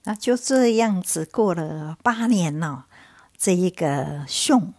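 A woman's voice: lowish voice, animated, slow pace, a little mellow, no room sound, faint music behind. A woman casually retelling the plot of a stage musical, full of fillers, slipping into the characters' lines as she goes. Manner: loose, chatty retelling with many fillers, acting out quoted lines. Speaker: podcast host.

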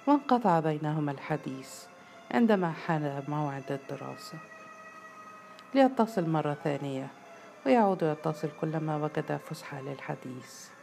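Low-voiced Egyptian woman reading a story. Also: lively intonation, normal speed, gravelly, mellow, soft background music. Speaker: narrator.

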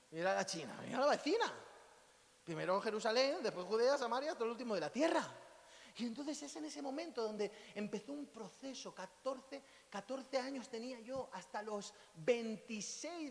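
Un pastor con acento de España que predica contando historias con humor y gritos repentinos. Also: male voice, very high-pitched. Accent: Spain Spanish. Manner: storytelling, sudden loud cries and laughs. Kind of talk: lively sermon with jokes. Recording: long hall reverb, faint hiss.

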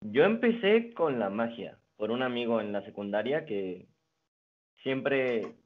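A young man from Mexico, a guest in a casual interview, telling his story in a relaxed way with many restarts. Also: mid-range voice, a little slow. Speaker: guest, card designer and magician. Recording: phone-like narrow band.

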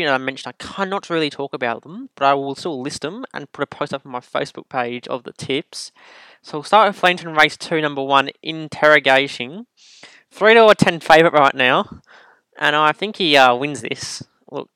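A man's voice: a little high, pushed and bright, smooth, no room sound. A young Australian man hosting a casual podcast, rambling and correcting himself as he gives racing tips from a room at home. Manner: rambling, self-correcting, joking. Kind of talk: casual solo podcast chat.

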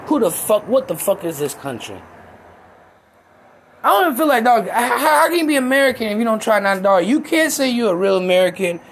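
A man's voice: high-pitched, sing-song, fairly quick, fairly bright tone. Heated, profane young man ranting. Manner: profane, heated, rambling conspiracy talk. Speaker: self-described conspiracy theorist. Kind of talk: casual rant.

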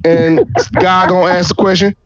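A man's voice: high voice, little pitch movement, normal speed, no echo. A man chatting on a podcast, telling rambling, profane, comic stories and laughing. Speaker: comedian, podcast co-host. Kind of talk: casual chat, comic storytelling. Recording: lo-fi dry audio.

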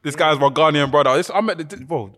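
A man's voice: on the high side, a little fast, big-room sound, a crowd in the background. A man with a London roadman accent and heavy street slang, casually hosting and hyping up guests on a podcast. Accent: London, urban street slang. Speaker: podcast host. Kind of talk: casual hype introductions of guests.

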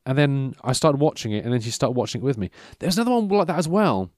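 A man in his mid-thirties, mid-range and darkish in tone, speaks expressively at a quick pace. His casual monologue meanders as he cuts himself off and loses the thread, all laced with dry self-mockery, and there's no echo.

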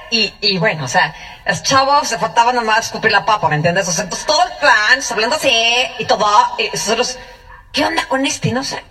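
A middle-aged Mexican woman tells her story in a bright, high voice. She talks fast and acts out each person she quotes. Her voice is picked up from some distance. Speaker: guest sharing a testimony. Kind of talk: lively storytelling to an audience.

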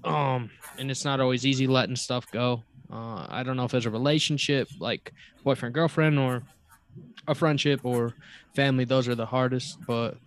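A man speaking as a podcast guest in a halting, reflective casual chat with many restarts. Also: medium pitch, steady tone, no echo.

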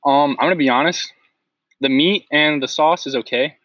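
A man's voice: a little high, moderate pace, fairly bright tone. A man co-hosting a casual podcast, easygoing and blunt in his opinions, laughing often. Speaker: podcast co-host. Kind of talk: casual chat.

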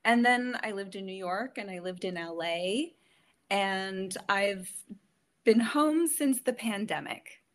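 Speaking slowly at a medium pitch, a woman in her thirties from Ontario, Canada, appears as a guest actress in a casual interview chat. She tells stories and laughs a lot.

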